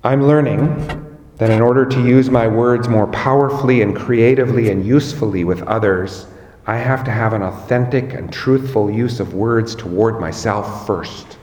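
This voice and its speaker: Man, pastor, measured sermon, roomy echo. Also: on the low side, darkish tone. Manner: slow, measured preaching with emphatic rises.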